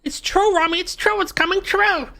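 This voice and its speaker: A role-player voicing an excitable, whiny, childish crime boss in a dramatic, petulant manner for an improvised game. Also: very high-pitched, fast, exaggerated voice. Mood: overjoyed, awed.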